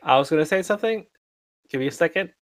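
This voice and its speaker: A man's voice: fairly high pitch, lively intonation, fast, dry recording. A man co-hosting a podcast, talking in an easygoing way with dry jokes. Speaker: podcast co-host. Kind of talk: casual chat.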